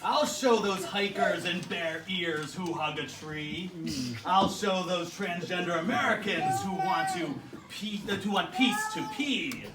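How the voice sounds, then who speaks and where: A man's voice: high voice, expressive, slow. A man voicing a mean, scheming, gloating Grinch as a theatrical villain in a rhyming satirical puppet show. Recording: noisy, echoey room, far from mic.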